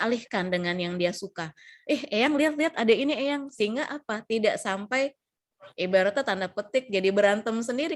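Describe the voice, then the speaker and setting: A young adult woman giving an explanatory health talk on caring for older people, with frequent fillers and restarts. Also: medium pitch. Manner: explanatory, many fillers and restarts, acts out quoted lines. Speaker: health educator.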